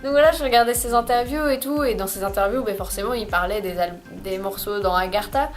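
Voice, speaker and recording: A woman's voice: medium pitch, fairly quick. Young woman, casual vlog, hesitant restarts, faint music underneath. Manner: chatty, hesitant, with many fillers and restarts. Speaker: vlogger. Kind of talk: casual monthly recommendations vlog. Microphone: camcorder microphone.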